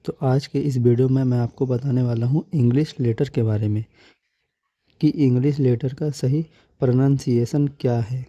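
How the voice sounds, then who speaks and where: A man's voice: medium pitch, steady tone, normal speed, dark tone, dry recording, muffled recording. A man teaching English letter sounds in Hindi, patient and repeating each sound several times. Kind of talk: slow, explanatory Hindi lesson.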